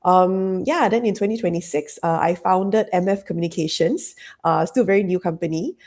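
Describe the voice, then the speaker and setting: A guest business consultant from Malaysia answers interview questions with plenty of hesitation and "um" or "you know, like" fillers. Her voice is on the low side and darkish in tone, moving at a moderate pace.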